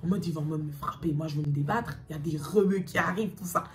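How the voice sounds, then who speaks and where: A young woman telling a personal story to her viewers in a casual, animated, slangy and emphatic way. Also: sits low, fast, distant mic.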